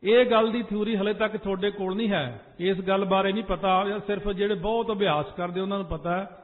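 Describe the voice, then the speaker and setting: A man with a high voice preaches a Sikh sermon to a gathered congregation. He drifts into a sing-song chant and then presses his points with sudden force. The sound is tinny and narrow, as if through a phone, and it rings with a long hall echo. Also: steady tone, a little fast. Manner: preaching in a sing-song cadence, rising to urgent emphasis. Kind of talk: sermon with sung phrases. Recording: echoey hall over a tinny phone-like line.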